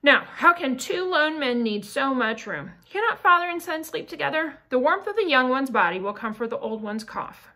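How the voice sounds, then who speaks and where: A woman's voice: high-pitched, lively intonation, normal speed, few pauses, bright, forceful tone, full character voice. A woman reading the lines of a greedy uncle coaxing his relatives for room. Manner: coaxing, wheedling. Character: coaxing greedy uncle, middle-aged man.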